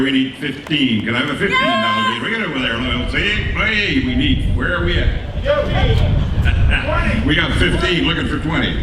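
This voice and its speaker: A man working as an auctioneer, calling bids at a live sale with joking asides. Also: fairly high pitch. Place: echoey event stage with PA. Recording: echoey, distant, loud background noise.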